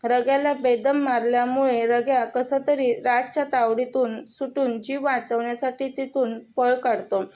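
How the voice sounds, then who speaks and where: A woman's voice: high voice, little pitch movement, measured pace, few pauses, dark tone, muffled recording. A woman with a Marathi accent reading a romantic story aloud, voicing all the characters' lines in her own voice. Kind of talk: scripted story narration.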